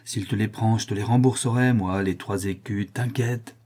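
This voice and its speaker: A man's voice: fairly low pitch, steady tone, moderate pace, darkish tone, slightly rough. A man voicing a shrewd man who scolds and coaxes a widow in an audiobook. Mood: coaxing. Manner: scolding, coaxing.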